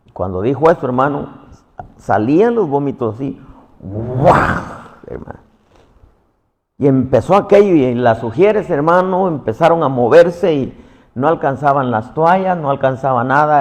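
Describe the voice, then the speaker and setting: Man, passionate sermon, keeps saying hermano, lively swooping pitch, reverberant hall. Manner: passionate preaching, addresses listeners as "hermano". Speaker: preacher.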